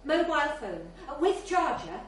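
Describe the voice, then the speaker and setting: With a high-sitting voice that swings widely in pitch, a woman reads a literary short story at normal speed during a live event in a bar. It's scripted narration, recorded very echoey through a distant mic with faint noise.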